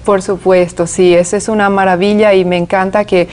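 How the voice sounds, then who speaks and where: A woman's voice: mid-range voice, flat delivery, a little fast, darkish tone. A woman from Paraguay, a guest singer, explaining things at length in an interview with many hesitations.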